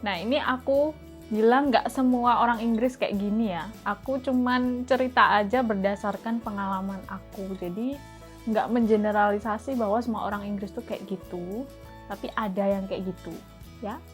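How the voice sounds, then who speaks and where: A woman's voice: medium pitch, fairly even intonation, moderate pace, soft background music. A young woman from Indonesia talking to camera in a casual, chatty vlog, full of little fillers. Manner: chatty, frequent fillers like nah and gitu. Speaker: vlogger living abroad.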